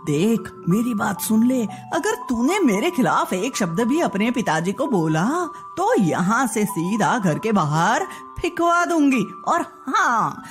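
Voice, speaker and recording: A woman's voice: on the high side, very animated, slow, hardly any pauses, music in the background. A woman voicing a greedy, scheming stepmother who snaps harsh threats and turns sugary sweet when it suits her. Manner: snapping threats, then sugary fake sweetness. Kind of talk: storybook character acting.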